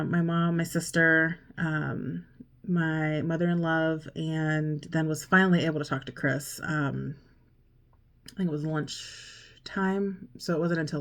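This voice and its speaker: A young woman vlogger frankly telling a personal story, emotional and rambling with many fillers. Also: fairly low pitch.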